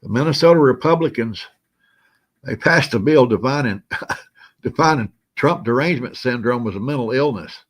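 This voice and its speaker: A man's voice: medium pitch, expressive, moderate pace. A man hosting a casual live stream, greeting viewers by name in a folksy, chuckling way while feeling a little unwell. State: feeling unwell, moving slow.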